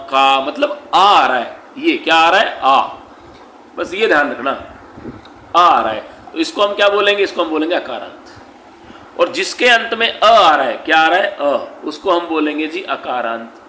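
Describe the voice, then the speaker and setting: A man's voice: a little high, sharp tone. A man teaching Sanskrit, walking students through an exam paper, who patiently repeats each point, asks his own questions and answers them, and calls the students "beta". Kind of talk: classroom-style exam paper walkthrough. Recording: echoey room with faint background noise.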